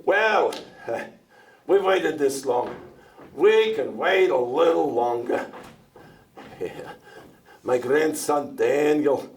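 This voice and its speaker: A man's voice: on the high side, lively intonation, very slow, pauses often, a little hiss or hum, full character voice. A chatty old immigrant dairyman. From Russia. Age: older. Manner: talkative, joking, stammers and asks back. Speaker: stage actor in a one-man show. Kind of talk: theatrical monologue. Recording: stage voice heard from far off.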